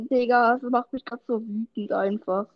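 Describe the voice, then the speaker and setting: A woman hosting a casual podcast, talking excitably with loud outbursts, slang and swearing. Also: a little high, slow pace, no room sound, muffled recording. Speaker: podcast host. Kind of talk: casual chat while opening in-game rewards.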